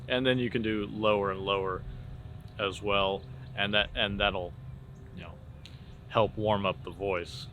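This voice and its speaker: A man talking as a casual drama teacher, informally explaining and demonstrating theater warm-up exercises. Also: lowish voice. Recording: clear steady background noise.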